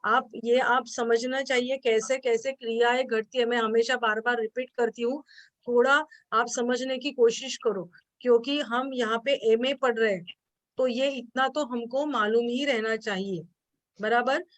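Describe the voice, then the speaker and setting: A woman with a Marathi accent teaches a class, explaining patiently and stopping now and then to question her students. Her voice sits a little high and she hesitates with fillers as she thinks. The sound is dry and close, with no room echo. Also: fairly even intonation, a little slow. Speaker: yoga teacher. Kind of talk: classroom lecture.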